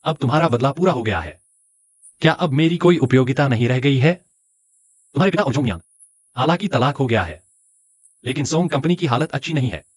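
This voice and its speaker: A man's voice: medium pitch, animated, fairly quick, pauses often, slightly rough, no echo, studio quality. A man voicing a possessive wealthy suitor. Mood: insistent. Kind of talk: Hindi dub of a short drama.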